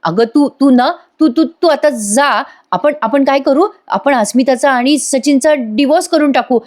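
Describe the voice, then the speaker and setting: A woman's voice: high voice, measured pace, a little mellow, voice pushed up. Lady doing a panicky young woman, stammering and pleading, voice jumping way up. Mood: frantic.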